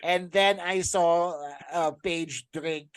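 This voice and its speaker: A man chatting on a podcast, excitable and mixing in Tagalog. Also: fairly high pitch, takes it slowly, a loud crowd. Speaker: podcast co-host. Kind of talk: casual podcast chat.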